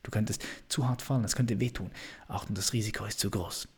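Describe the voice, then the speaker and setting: A man voicing a cautious, fearful inner voice that warns against taking risks, in hushed and anxious tones. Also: fairly low pitch, fairly even intonation, brisk, husky. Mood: warning. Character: cautious fearful inner voice, male, warning of risk.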